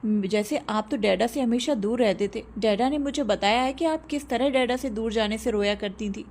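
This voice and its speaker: A woman's voice: fairly high pitch, darkish tone. A woman reading a cheerful young sister. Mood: affectionate. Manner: quick, affectionate.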